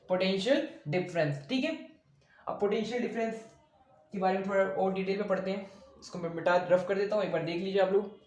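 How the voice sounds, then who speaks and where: A male teacher giving a blackboard science lesson, asking the class questions, answering them himself, and patiently repeating each point. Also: high-pitched. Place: room with a board he writes on and erases. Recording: echoey room.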